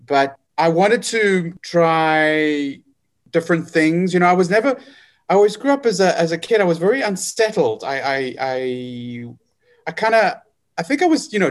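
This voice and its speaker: A forty-year-old man being interviewed, talking in a hesitant way with many fillers. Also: fairly high pitch. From South Africa. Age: 40s. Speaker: guest. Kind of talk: casual interview.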